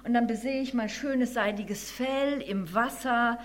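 A woman voicing a small, quick female mouse in a children's story, with a squeaky, eager way of talking. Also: close to an everyday voice. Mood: dreamy. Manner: squeaky and bright, enthusiastic.

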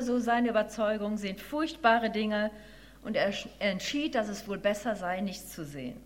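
A woman reading a children's story aloud with gentle expression and then drawing a short devotional lesson from it. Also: a little high.

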